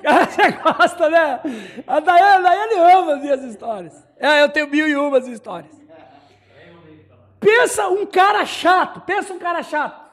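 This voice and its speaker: A man's voice: very high voice, unhurried. A man with a Brazilian Portuguese accent, a pastor giving a Bible study sermon, telling stories and acting out the dialogue with laughs. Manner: animated storyteller who acts out dialogue and laughs often.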